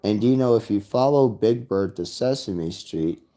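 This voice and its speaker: A man's voice: lowish voice, expressive, normal speed, dark tone. A man talking in a rambling solo monologue, drifting between thoughts and slipping into quoted lines. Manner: rambling, breaks into sung lyrics and put-on quotes.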